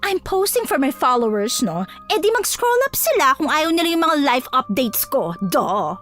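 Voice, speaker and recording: A woman's voice: high-pitched, big pitch swings, normal speed, a bit bright, soft background music. A woman voicing a vain, dramatic, spoiled rich young woman who speaks in a posh, whiny mix of English and Tagalog. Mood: bratty.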